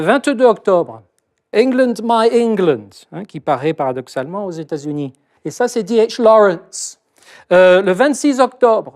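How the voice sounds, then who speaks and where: A middle-aged man, a literature professor, giving a lively lecture with ironic asides and frequent hesitations. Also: fairly high pitch.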